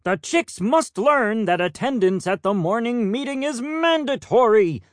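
A man's voice: extremely high pitch, expressive, a little slow, no echo, studio quality, pitched above the performer's own voice. A man voicing a strict, fussy head peacock who lectures in a clipped, insistent way. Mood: stern.

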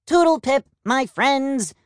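A man's voice: very high voice, animated, takes it slowly, no echo, clean studio sound, voice pushed up, heavily acted. A man voicing a peppy, playful purple peacock in a storybook audiobook, with chirpy, bouncy delivery. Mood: chipper. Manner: chirpy British-style slang, bouncy.

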